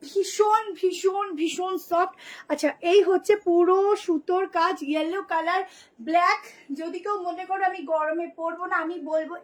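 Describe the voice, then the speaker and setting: A hoarse woman, a boutique seller who talks nonstop, showing clothes to viewers in a live sales video. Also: very high-pitched, steady tone, normal speed. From Kolkata, India. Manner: chatty, nonstop talker.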